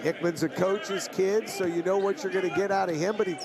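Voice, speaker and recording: A male color analyst talks through a live basketball game in a conversational, opinionated way. His voice is high for a man and has a gravelly creak. A clear arena crowd is behind him. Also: steady tone, a little fast. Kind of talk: live sports commentary.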